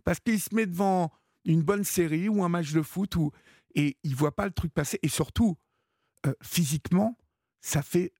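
A man's voice: high voice, normal speed, mellow, breathy edge, no echo, clean studio sound. A man hosting a late-night radio call-in show, giving advice with many hesitations and restarts. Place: radio studio.

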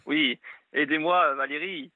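A man's voice: a little high, steady tone, slow, narrow, tinny audio, heavy background noise. A young man from the French Basque Country with a southwestern French accent, calling in on the phone to a radio show, eager and hesitant with many fillers. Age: young adult. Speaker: caller. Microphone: telephone.

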